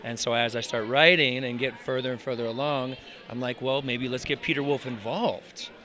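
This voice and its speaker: A man speaks in a bright, forceful voice at an ordinary pitch, as a screenwriter interviewed on a red carpet. His delivery is chatty and informal, like casual storytelling. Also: steady tone, moderate pace.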